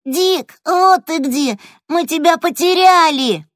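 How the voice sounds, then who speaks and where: A woman's voice: very high-pitched, slow, fairly bright tone, no echo, studio quality, pitched above the performer's own voice, exaggerated voice. A woman reading aloud voices an earnest, curious young girl. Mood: worried.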